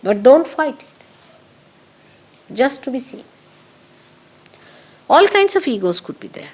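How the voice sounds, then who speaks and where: A woman's voice: high-pitched, sing-song, slow, darkish tone, breathy edge, low-quality recording. An older woman, giving a spiritual teacher's answers in a question-and-answer talk, emphatic and fond of repeating her points. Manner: emphatic, repeats phrases, quotes her own commands.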